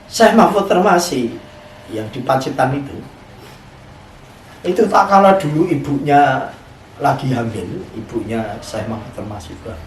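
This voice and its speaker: Preacher, far and echoey. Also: male voice, medium pitch, a little slow, long pauses, a little hiss or hum. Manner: storytelling, often questioning the audience. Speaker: Islamic preacher. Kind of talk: sermon.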